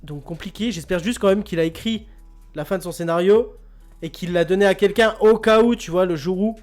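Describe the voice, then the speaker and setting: Male host, high-pitched, loose and joking, over soft background music. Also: fairly quick. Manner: joking, laughs often, repeats words. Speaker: host of an online quiz radio show. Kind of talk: casual quiz hosting, chatting with listeners.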